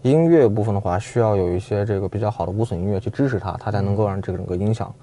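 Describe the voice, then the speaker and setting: A man chatting casually as a car reviewer inside a car, quick and full of fillers. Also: fairly low pitch, mellow. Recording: music playing in the background.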